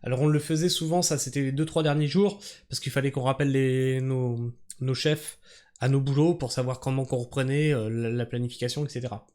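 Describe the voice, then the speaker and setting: A man's voice: medium pitch, fairly even intonation, a little fast, a little mellow. A man reading a news article aloud and breaking off into sarcastic, profane rants about it. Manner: sarcastic, profane, exasperated asides. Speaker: commentator reacting to a news article.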